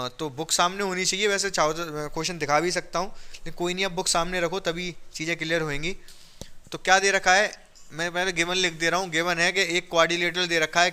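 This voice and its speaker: A man's voice: high voice, pushed and bright, smooth. A man teaching a maths lesson who keeps checking that students follow and keeps stressing the reasons behind each step. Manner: coaxing, checks understanding often.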